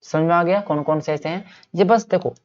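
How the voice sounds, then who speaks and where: A man's voice: fairly high pitch, highs cut off. A man teaching English grammar for exam prep, putting questions to the class, answering them himself, and repeating each key point. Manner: repeats points and reads example sentences slowly.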